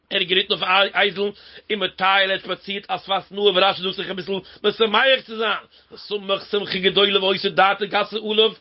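A man with a high voice delivers a religious storytelling lecture, circling back to repeat key words and phrases. The recording is dull and lo-fi.

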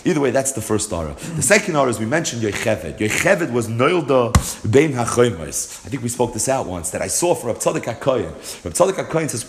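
A man's voice: mid-range voice, a little hiss or hum. A man teaching a Torah class, mixing Hebrew and Yiddish terms into his English and driving points home with rhetorical questions.

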